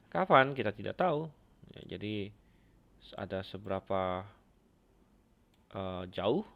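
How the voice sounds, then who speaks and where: A man teaching an online Bible class, unhurried, pausing often with fillers. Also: lowish voice, gravelly, muffled recording. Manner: unhurried, with many fillers and hesitations.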